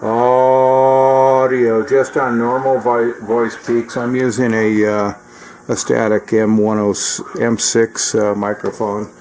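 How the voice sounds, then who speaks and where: An American radio repair hobbyist and CB operator gives a casual, rambling, folksy demonstration while chatting about his hobby. His darkish, mid-range voice is flat and slow, and the poor audio carries clear background noise.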